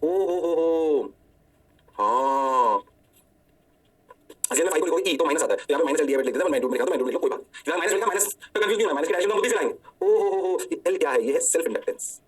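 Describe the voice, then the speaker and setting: A high-pitched male physics teacher with a Hindi accent races through his lecture at a rapid clip. He plays both teacher and student, answering his own questions with mock praise. His voice sounds a little distant from the microphone. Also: animated, slightly rough. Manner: playful, answers himself in a student's voice. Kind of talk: energetic lecture.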